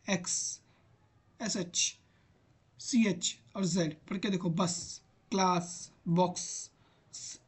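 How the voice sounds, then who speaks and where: Male teacher, unhurried and patient, walks pupils through examples one by one. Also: sits high, dark tone. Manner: patient, repeats examples aloud; talks while typing on screen. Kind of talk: online grammar lesson.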